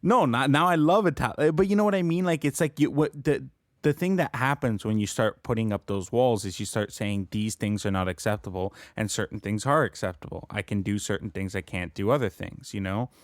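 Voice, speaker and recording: A podcast co-host, born in Colombia and raised in Canada, chats casually and rambles, peppering his speech with "like." His voice sits on the low side and moves fairly quickly. The recording is dry, with clean studio sound.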